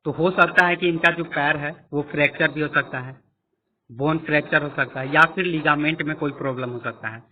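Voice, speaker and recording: A man's voice: on the high side, fairly even intonation, a little fast. Tinny-sounding man teaching biology. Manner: explanatory, repeats points and quizzes listeners. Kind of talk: classroom lecture with screen annotation. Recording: tinny phone-like audio.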